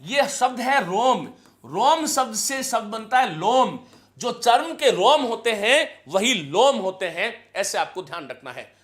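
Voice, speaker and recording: A man with a very high voice teaches an online grammar class. He says key phrases over and over and keeps asking his students questions. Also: a bit bright. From India. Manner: chants verse for students to repeat.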